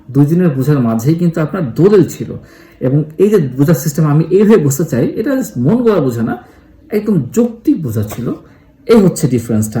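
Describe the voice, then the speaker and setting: A man talks through a religious lesson in a relaxed, mellow voice, filming himself in a roomy space that rings back. He pauses often to think and slips English words into his sentences, building his point through everyday examples. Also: a little high. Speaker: Islamic explainer. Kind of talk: casual explanatory lesson. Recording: echoey room.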